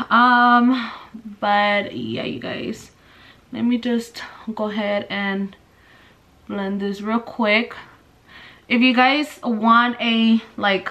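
A woman's voice: medium pitch, fairly bright tone. A woman in her twenties chatting casually through a get-ready-with-me makeup routine, full of "like" and "dude", a little out of breath. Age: 20s. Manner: chatty, filler-heavy with "like" and "dude". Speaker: family vlogger.

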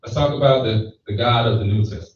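Talking fast at a medium pitch, a preacher in his thirties gives a sermon in a small church hall with a handheld mic. He often checks in with "right?" in a conversational manner, and the room sound is echoey, distant and slightly dull.

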